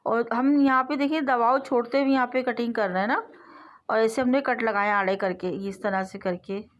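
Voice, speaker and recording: A woman with a slightly high voice hosts a sewing tutorial, speaking as a voice-over. She explains every step patiently and repeats her phrases. She often lets her voice fade softly as she finishes a step. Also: steady tone, moderate pace. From South Asia. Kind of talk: instructional voice-over.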